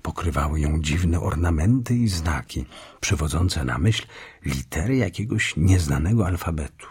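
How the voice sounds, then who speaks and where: A man narrating a children's fantasy audiobook in slow, measured storytelling. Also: sits low, animated, a little mellow, breathy edge. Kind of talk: scripted narration.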